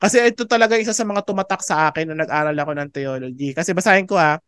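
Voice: mid-range voice, rapid-fire, a bit bright, clear, resonant tone, dry recording. A theology teacher giving a conversational online lecture over a video call, mixing English into Tagalog, often checking with the class and laughing between points. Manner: chatty, mixes English into Tagalog, asks "di ba?" often. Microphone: video call microphone.

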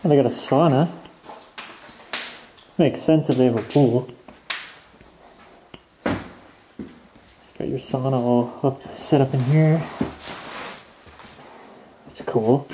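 The rough camera-mic recording carries a little hiss or hum as this young Canadian explorer, in a respirator mask, talks his way through a deserted abandoned house. He thinks aloud and laughs easily, his mid-range voice mellow and slow, with long pauses.

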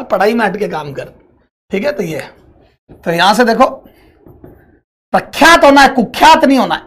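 A man's voice: high voice, slight background noise. A man teaching an exam-prep math lesson in speech, calling his students "beta" as he scolds them and mixes pep talk into the sums.

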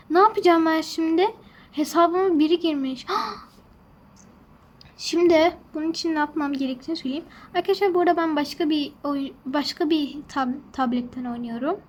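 A woman's voice: high voice, a little mellow, a little hiss or hum. A woman hosting a gaming channel, talking to her viewers in a fretful, rambling way as she plays. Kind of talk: casual gameplay commentary.

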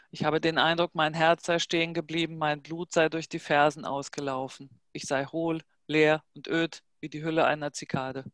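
A woman reading a novel excerpt aloud in a measured, hushed, dramatic way. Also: low voice, no echo. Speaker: reader of a translated novel excerpt. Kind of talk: literary reading.

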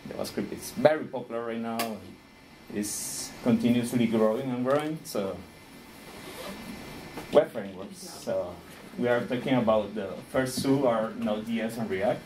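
A man's voice: mid-range voice, a little slow. Guy giving a conference talk, chuckles a lot, faint room hum behind. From Costa Rica. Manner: friendly, laughs often, searches for words. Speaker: conference speaker.

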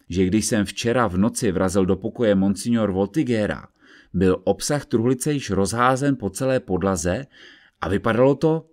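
A man voicing a calm, methodical investigator who explains his reasoning step by step in an audiobook reading. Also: mid-range voice, lightly acted.

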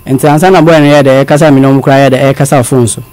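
Male guest from Ghana, halting storyteller, mixes English phrases, dry close sound. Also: mid-range voice, steady tone, darkish tone, no room sound. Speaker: guest telling his story. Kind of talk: confessional storytelling.

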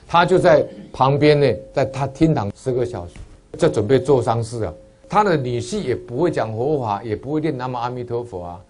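Husky, animated Taiwanese man preaching. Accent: Taiwanese Mandarin. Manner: animated, jumps from loud high exclamations to low soft asides. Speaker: Buddhist lay lecturer. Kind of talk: storytelling Buddhist talk.

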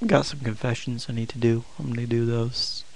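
A young adult man chatting casually to a vlog audience in a flat, low-energy, hesitant way with long pauses. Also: gravelly, a little hiss or hum. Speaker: video blogger.

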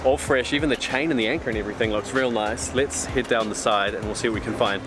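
An upbeat man in his thirties films himself with a handheld camera, chatting through a boat tour. His voice sits at an ordinary middle pitch. Music plays clearly in the background. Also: steady tone, fast. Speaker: travel vlogger. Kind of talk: casual vlog narration. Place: outdoors on a marina dock and aboard a boat. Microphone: camera-mounted mic, selfie framing. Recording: music clearly audible behind. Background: music playing.

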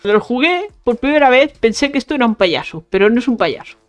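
A woman's voice: a little high, expressive, fast, soft background music. A woman with a Spain Spanish accent giving casual, playful commentary while playing a video game, teasing enemies and talking straight to her viewers. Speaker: gaming YouTuber.

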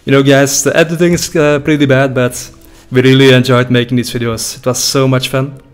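A young man with a Dutch-speaking Belgian accent laughs, jokes and swears freely as he reacts to his old videos, using a desk boom mic and headphones in a small room. His mid-range voice is level in tone, clean and brisk. Faint music plays behind this YouTuber's reaction commentary.

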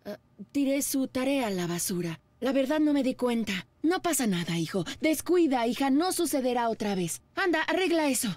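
A woman dubbing a strict middle-aged mother who shouts and accuses her daughter. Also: high voice, animated, moderate pace, dry recording. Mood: covering up. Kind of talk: Spanish dub of a TV drama.

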